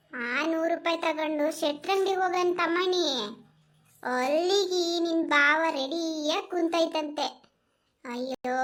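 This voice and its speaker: Picture a fed-up village wife who grumbles and scolds nonstop. Her voice sits very high and shrill. It is played broadly for a comedy skit. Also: a bit bright.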